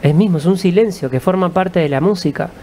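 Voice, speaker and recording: A man with an Argentine accent, a musician guest, answering in a calm, reflective storytelling way. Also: sits high, fairly quick, slight background noise. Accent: Argentine Spanish.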